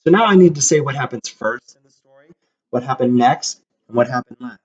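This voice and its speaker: This man's voice is mid-range, somewhat dark and a little rough, and he speaks fairly quickly. Drawing as he goes, he talks brightly to young kids while reading them a storybook and teaching a lesson, captured in muffled lo-fi audio.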